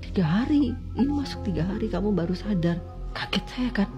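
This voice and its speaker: A woman's voice: expressive, brisk, music in the background. Intense woman recounting a personal ordeal. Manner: intense, with loud cries and hushed lowered passages. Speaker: guest telling her experience. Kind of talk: emotional personal storytelling.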